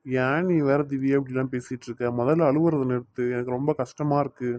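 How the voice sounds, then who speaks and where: A man's voice: medium pitch, fairly even intonation, fairly quick, darkish tone, no room sound, lightly acted. A man voicing a teasing but doting young man in a cartoon, speaking with a Tirunelveli Tamil accent. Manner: teasing, coaxing, playfully scolding. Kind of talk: cartoon voice acting.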